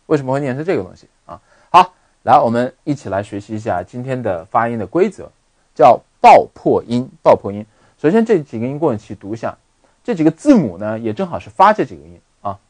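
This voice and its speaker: A man teaching an online English lesson, drilling words by repeating them in an animated way. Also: mid-range voice, dry recording.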